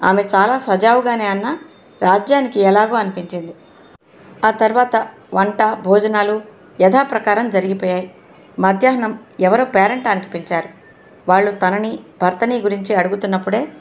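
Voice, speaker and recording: A woman narrates an audio novel in a steady, measured voice. Her tone has a gravelly edge, and her pitch sits in the middle range.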